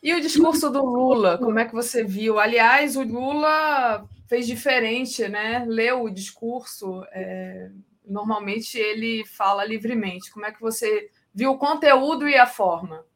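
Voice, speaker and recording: A woman's voice: a little high, unhurried. A woman co-host in casual chat, asking short prompting questions.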